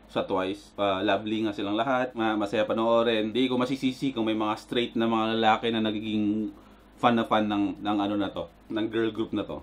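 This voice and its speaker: Excitable Filipino man reacting casually. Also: mid-range voice. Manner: excitable, bursts into loud exclamations, mixes Tagalog and English. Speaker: reaction video host.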